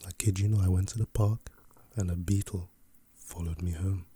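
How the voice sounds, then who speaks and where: Playing an easygoing fragrance salesman in an ASMR role-play, a man chats in a soft, breathy, casual way without any rush. His voice is low-pitched and his tone stays steady.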